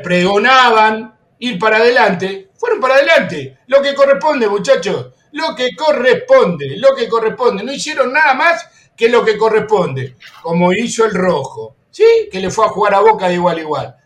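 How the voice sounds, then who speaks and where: A high-voiced Argentine man hosts a sports radio show with wild swings in energy. He mocks rival fans, laughs a lot, and calls out to the control room between rants. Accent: Argentine Spanish. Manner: animated, mocking, laughs often; gives orders to the control room. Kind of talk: excited sports talk.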